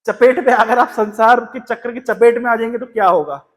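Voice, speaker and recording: A man with a high voice giving a scripture class, telling stories and pausing to recite couplets slowly and with care. His voice carries a long reverb from a temple hall. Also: a bit bright. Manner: storytelling, quotes couplets slowly and deliberately. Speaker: Bhagavatam class speaker. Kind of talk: Hindi scripture class talk.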